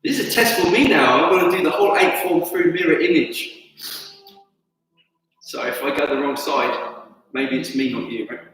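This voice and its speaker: A man's voice: fairly high pitch, moderate pace, fairly bright tone. A man in his fifties talking casually and conversationally to online students as an instructor, in an indoor studio. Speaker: tai chi instructor. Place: indoor martial arts studio with wooden floor. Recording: echoey hall, faint background music.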